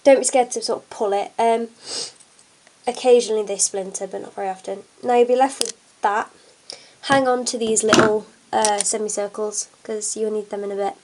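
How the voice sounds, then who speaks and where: Congested from a cold, this young woman talks while crafting at an indoor table, her hands in frame, dropping plenty of ums along the way. Her mid-range voice is a little mellow, with fairly even intonation and a moderate pace, and the rough recording carries a slight hiss or hum.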